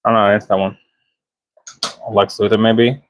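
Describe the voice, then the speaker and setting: A man's voice: on the low side, flat delivery, normal speed, slight background noise, rough recording. A man co-hosting a casual podcast chat, blunt and joking, swearing casually. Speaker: podcast co-host.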